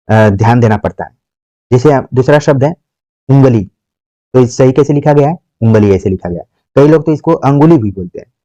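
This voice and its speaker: Guy teaching grammar, slow patient explaining, dark tone, dull dry sound. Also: medium pitch, dry recording. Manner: explains patiently, repeats words slowly and asks rhetorical questions. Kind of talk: exam-prep grammar lesson. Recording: dull, muffled dry recording.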